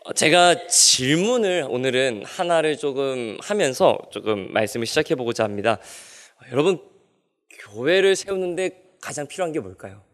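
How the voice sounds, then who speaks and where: A man, a pastor, preaching a sermon in an animated way and joking with the congregation. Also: medium pitch, moderate pace.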